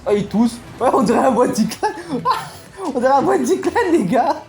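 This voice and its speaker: An excitable player talks through a match as it happens. The voice leaps up and drops back down, going from low asides to sudden cries. Soft game music plays faintly behind. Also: fast. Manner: excitable, swings from low mutters to loud outbursts. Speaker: gaming commentator. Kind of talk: live gameplay commentary.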